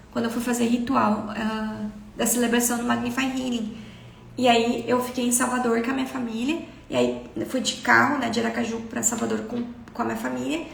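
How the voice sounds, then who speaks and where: Brazilian woman, live-stream host, earnest and expressive, fry in the voice, faint noise in the background. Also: fairly high pitch, reverberant. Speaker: spiritual self-development host. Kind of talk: casual live-stream talk.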